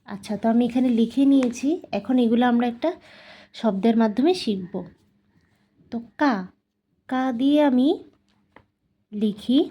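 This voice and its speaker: A woman's voice: fairly high pitch, dull audio. A woman teaching a language lesson, patiently repeating each sound several times as she explains.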